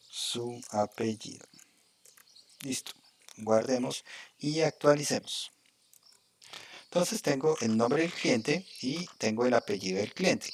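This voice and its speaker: A man's voice: medium pitch, a little hiss or hum. Man teaching a live coding lesson. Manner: explains step by step, often checking in with "¿cierto?" and "¿ok?". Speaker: programming instructor.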